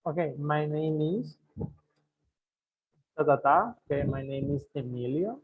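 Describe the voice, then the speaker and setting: Husky man teaching over tinny audio. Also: on the high side. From Guatemala. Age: 30s. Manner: repeats phrases slowly for learners. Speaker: English teacher. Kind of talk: bilingual classroom lesson.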